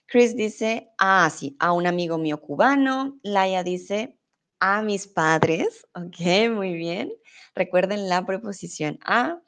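Slow, patient woman teaching Spanish. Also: medium pitch, expressive, a bit bright. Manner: patient, reads student comments aloud and explains slowly. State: voice a bit off today. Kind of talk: live online Spanish lesson.

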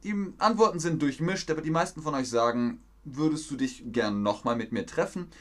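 A young man teaching a live-stream language lesson, explaining slowly and in a friendly way with example phrases. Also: on the high side, expressive, a bit bright.

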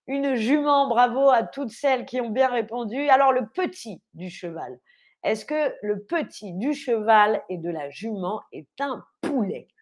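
A young woman teaching French on a livestream, speaking slowly and clearly, spelling words out letter by letter and cheering on viewers. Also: fairly high pitch, expressive. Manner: upbeat, encouraging, quizzes viewers. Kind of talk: live online vocabulary lesson.

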